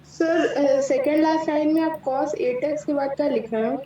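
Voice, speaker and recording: A woman's voice: sits high, fairly even intonation, normal speed, warm tone, slight background noise. A woman student in an online class politely asks questions, and her voice comes through with a hollow echo. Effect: hollow echo through a laptop speaker. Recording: echoey, muffled, distant call audio.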